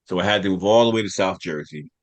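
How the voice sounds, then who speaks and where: A podcast host from the United States, with a New York accent, tells a meandering childhood story in a casual way. He talks at a quick pace in a low-sitting voice.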